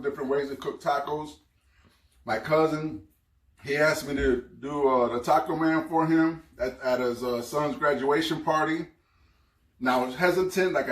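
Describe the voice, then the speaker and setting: A man hosting his own cooking vlog, chatting casually and eating as he talks. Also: on the high side. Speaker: cooking vlogger. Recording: roomy sound, mic at a distance.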